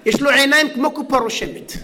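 An indignant, fed-up wife complains in a high, bright voice, as a male preacher puts her on. She rants and protests in a string of grievances, in the middle of a spoken joke.

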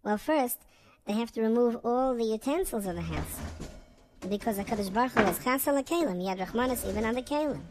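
A woman's voice: fairly high pitch, lively intonation, fairly quick, music in the background, lightly acted. A woman voicing a curious young student who answers hesitantly. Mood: inquisitive. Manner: inquisitive, hesitant with repeated starts.

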